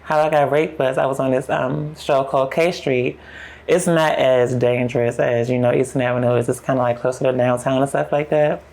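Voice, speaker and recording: Gravelly young woman telling her story frankly. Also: very deep voice, steady tone, fairly quick, darkish tone. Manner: frank, run-on retelling with acted-out quotes. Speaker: podcast guest. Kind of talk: candid personal storytelling.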